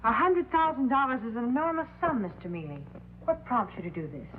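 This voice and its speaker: A woman's voice: a little high, big pitch swings, brisk. A prim, loyal lady assistant with something to sell in a vintage crime drama. She speaks formally and earnestly. The sound is narrow and tinny, with a light hum behind her. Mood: guarded.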